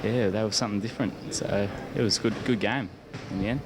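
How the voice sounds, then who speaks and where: Interviewed after play, a young adult Australian rules footballer rambles casually and hesitantly in an Australian accent. He talks fast in a lowish, steady voice against background noise.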